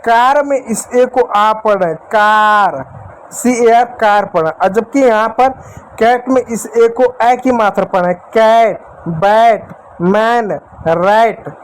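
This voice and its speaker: A man's voice: very high-pitched, unhurried, rough recording. A male teacher who keeps quizzing his class. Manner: repeats points and quizzes the class; addresses listeners as dear children and friends. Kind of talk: blackboard lesson for students.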